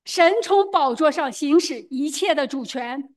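A woman with a high voice and lively intonation interprets a sermon phrase by phrase. She speaks quickly but hesitantly, using fillers and correcting herself.

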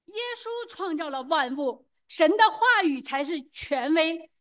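A woman interpreting a sermon phrase by phrase, quick and hesitant, with fillers and self-corrections. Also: very high-pitched, expressive.

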